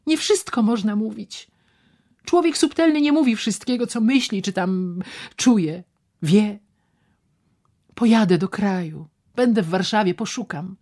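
Woman reading as persuasive male gambler, hushed and insinuating, slow careful delivery, audiobook character. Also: sits high, animated, pitched above the performer's own voice, full character voice. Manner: hushed, persuasive, often dropping to whispers.

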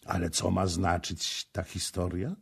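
A man's voice: low voice, level tone, measured pace, creaky, breathy edge, full character voice. A man reading as a coy young priestess. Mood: coy pleading. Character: young coy Phoenician priestess woman, cunning. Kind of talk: audiobook character reading.

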